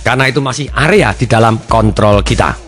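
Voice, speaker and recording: A man giving a recorded self-development lesson, animated and acting out his examples. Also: medium pitch, a little fast, over loud music. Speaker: motivational trainer.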